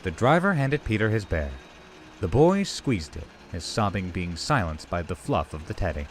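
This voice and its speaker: A man narrating a storybook tale in an expressive, lively reading. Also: sits low, normal speed, slight background noise.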